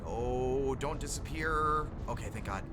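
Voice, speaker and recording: A man commentating his own gameplay, thinking aloud and bursting into excited exclamations. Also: medium pitch, unhurried, background noise. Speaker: streamer playing a video game. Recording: game music behind.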